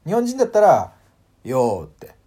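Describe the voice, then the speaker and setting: A man hosting a casual solo audio talk, animated and full of fillers, acting out sounds as he explains. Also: a little high, moderate pace. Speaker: podcast host.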